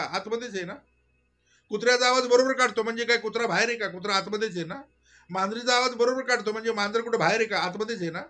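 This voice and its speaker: A man giving a devotional discourse, full of rhetorical questions and swinging between soft murmurs and loud exclamations. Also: very high voice. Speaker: spiritual teacher.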